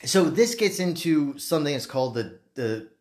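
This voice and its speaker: A man co-hosting a podcast, explaining things in a measured way with many fillers and restarts. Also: a little high, big pitch swings, a little mellow. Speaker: podcast co-host. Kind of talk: casual podcast discussion.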